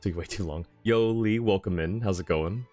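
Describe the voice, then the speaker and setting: Over soft background music, a gamer with a low-pitched, warm voice talks at a normal speed to his stream audience. He's friendly and a bit apologetic, reading out both chat and in-game dialogue in a relaxed way.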